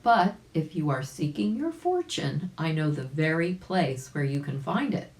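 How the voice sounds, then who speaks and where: A woman reader voices a sly, boastful storybook bear coaxing its prey, slow and low-pitched with big up-and-down swings. The exaggerated voice is a little mellow but turns harsh when revealed, and the room rings with reverb.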